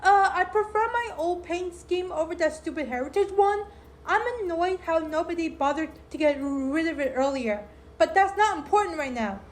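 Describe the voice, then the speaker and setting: A woman's voice: very high voice, animated, moderate pace. A woman voicing a smug, scheming villain train in a cartoon, with theatrical gloating and background noise in the recording.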